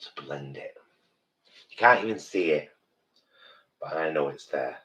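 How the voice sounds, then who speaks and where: A man's voice: a bass voice, lively intonation, unhurried, pushed and bright. A British man in his early fifties, a campy drag queen chatting casually and thinking aloud during a live makeup session. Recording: roomy, distant, noisy background.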